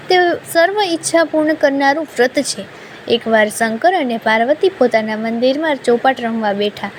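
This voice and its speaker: High-voiced woman reading a devotional tale. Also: a little hiss or hum. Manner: steady, recited. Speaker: storyteller.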